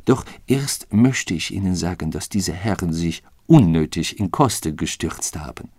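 A man voicing an excitable, loyal male manservant who bursts out in indignant exclamations, in a husky, dry audiobook reading. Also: deep voice, measured pace, dry recording, full character voice. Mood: indignant, excited.

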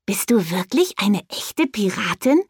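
A woman's voice: mid-range voice, big pitch swings, a little slow, slightly rough, no echo, studio quality, voice pushed up, heavily acted. A woman voicing an eager, curious little boy who is the younger brother.

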